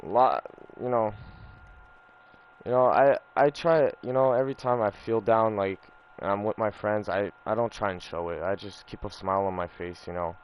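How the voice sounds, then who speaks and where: A young man streaming a game drifts through a personal story in casual chat, profane and repetitive, with frequent "like" and "you know." His voice is lowish and smooth, steady in tone at a moderate pace, though the audio sounds dull.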